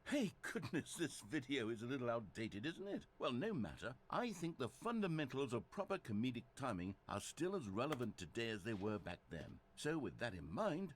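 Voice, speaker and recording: A fussy, self-conscious game narrator with a wildly lively pitch. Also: male voice. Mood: cheery. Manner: chatty, theatrical, fretting and self-correcting. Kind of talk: video game voice acting.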